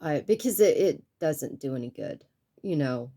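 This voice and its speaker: A woman with a notably low voice talks straight to her viewers in a personal vlog. She is earnest and soft-spoken, her sinuses sound stuffy, and tears sit close behind her words. She speaks haltingly, with many pauses and restarts. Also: animated. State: tearful. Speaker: YouTube art channel creator.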